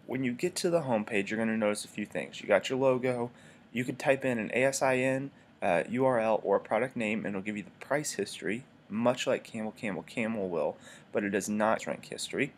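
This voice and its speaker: A man with a stuffed-up, nasal voice from allergies, narrating an informal screencast tutorial in a conversational, explanatory way. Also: lowish voice. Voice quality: congested, nasal. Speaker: tutorial presenter. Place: voice-over for a screen recording.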